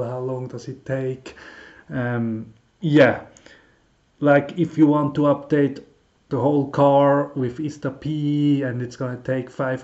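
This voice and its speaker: A Swiss man whose first language is German hosts a YouTube car tutorial, talking casually to camera in English. His mid-pitched, dark-toned delivery is halting and informal, full of ums, fillers, restarts and non-native phrasing. The recording is dull and lo-fi.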